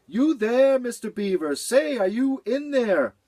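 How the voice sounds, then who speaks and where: A man doing a high-voiced clever storybook cat. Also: unhurried. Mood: urgent. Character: high-voiced clever male cat neighbor, brave and helpful.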